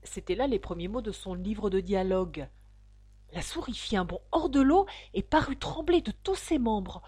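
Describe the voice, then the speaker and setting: A woman narrating a storybook aloud with expressive, storytelling delivery. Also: mid-range voice, normal speed, slightly rough, dry recording. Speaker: reader. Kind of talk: audiobook narration.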